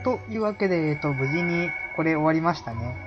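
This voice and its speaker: Relaxed, chatty playthrough commentator, slightly dull sound, music underneath. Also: medium pitch, a little fast. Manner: chatty, musing, many fillers. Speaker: game player commentator. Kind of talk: casual gameplay commentary.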